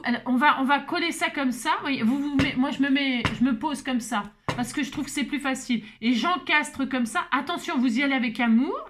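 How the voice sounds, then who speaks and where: A woman's voice: sits high, a bit bright. Chatty woman crafting at home. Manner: chatty, rambling asides, many fillers. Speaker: craft tutorial host. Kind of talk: casual craft tutorial.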